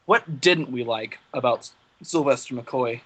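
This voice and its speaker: A man's voice: medium pitch, unhurried, fairly bright tone, slight background noise. Guy co-hosting a fan podcast, rambly with lots of ums, got the hiccups, pretty average voice. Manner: rambling, with fillers and restarts. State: has the hiccups. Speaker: podcast co-host leading the discussion. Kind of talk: casual fan podcast chat.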